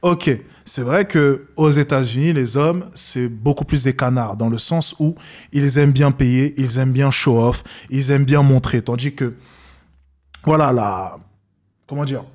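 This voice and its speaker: A man's voice: measured pace, a little mellow. A man giving scornful reaction commentary, lecturing and mocking the people in the clip. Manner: mocks others with high squeaky voices.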